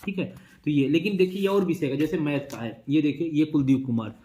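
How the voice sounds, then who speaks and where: A man's voice: a little high, fairly quick, mellow. A man hosting a science lesson channel, talking casually and encouragingly to his students, repeating himself often. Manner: encouraging, repetitive, addresses students directly. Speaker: science teacher and channel host.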